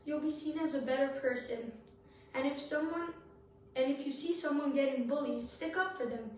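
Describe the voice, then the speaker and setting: An earnest young woman delivers a prepared school speech, urging listeners. Her voice is high, and she sits well back from the mic. The room rings with heavy echo. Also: moderate pace, a little hiss or hum. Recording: very echoey room, far from mic.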